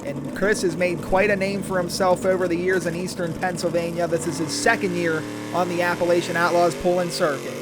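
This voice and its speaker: High-voiced male tractor pull announcer over engine noise. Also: flat delivery, a little fast, hardly any pauses. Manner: calling runs, distances and driver introductions. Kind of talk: motorsport event commentary, tractor pull announcer. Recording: loud engine and vehicle noise. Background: vehicle and engine noise.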